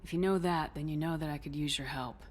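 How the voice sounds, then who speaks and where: Low-voiced female military commander played by a woman. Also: fairly even intonation, fast, a little hiss or hum, close to an everyday voice. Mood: concerned, direct. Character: composed, direct human female military commander. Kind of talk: video game dialogue acting.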